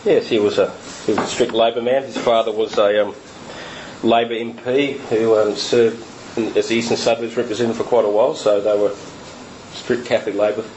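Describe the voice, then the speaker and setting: A man's voice: on the low side, fairly even intonation, fairly quick, a little mellow, slight background noise, poor audio. An author reading from his biography at a talk in a lecture room into a podium microphone, then answering questions. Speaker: author and guest speaker.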